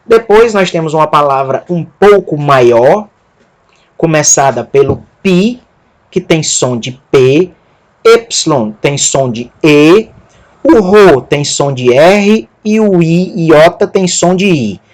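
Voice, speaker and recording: A man giving a Greek lesson, spelling out letters one by one and repeating words slowly. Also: on the high side, expressive. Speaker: Greek teacher. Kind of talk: slow spoken lesson.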